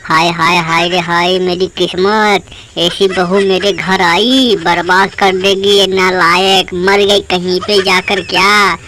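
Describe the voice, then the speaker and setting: Woman acting as a bossy nagging mother-in-law, flat voice, scolds nonstop in a home comedy skit. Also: lowish voice, slow pace. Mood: scolding.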